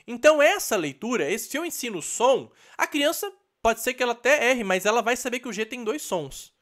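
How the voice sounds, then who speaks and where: Animated man teaching letter sounds. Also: very high voice. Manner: explanatory, sounds out letters slowly, checks in with "ok?" and "certo?". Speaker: literacy teacher. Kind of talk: online course lesson.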